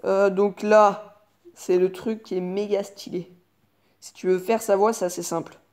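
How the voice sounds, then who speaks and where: A woman's voice: mid-range voice, steady tone, measured pace, a little mellow. A woman co-hosting in casual chat, commenting on clips. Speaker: co-host. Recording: noisy home-made recording with clicks.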